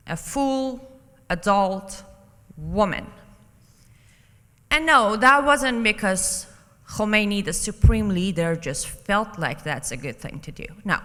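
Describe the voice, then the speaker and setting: A woman from Iran, a native Persian speaker, gives a personal testimony as a conference speaker, delivering it deliberately and emphatically with dramatic pauses. Her voice is medium-pitched, pushed and bright, and this public address echoes through a reverberant conference hall.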